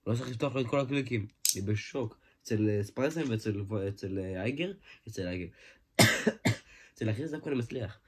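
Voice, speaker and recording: A man giving a casual hands-on toy review, excitable, exclaiming often and restarting his sentences. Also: medium pitch. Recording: noisy home recording with clicks.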